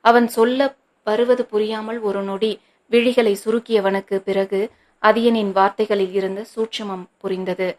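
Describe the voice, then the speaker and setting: A woman's voice: mid-range voice, little pitch movement, moderate pace, a little mellow. A woman narrating a novel as an audiobook, reading steadily and evenly.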